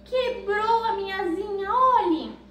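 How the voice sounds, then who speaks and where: A woman's voice: slow, a bit bright, echoey room, recorded from a distance, a little hiss or hum, heavily acted. Woman doing a little crying butterfly. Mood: tearful. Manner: high tearful sing-song.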